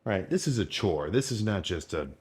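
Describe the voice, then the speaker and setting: A man's voice: low voice, animated, moderate pace, a little mellow. A man in his twenties chatting in a casual, rambling, slangy way, as a fitness vlogger. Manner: rambling, informal, full of slang and mild swearing. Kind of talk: casual unscripted vlog chat about eating and training.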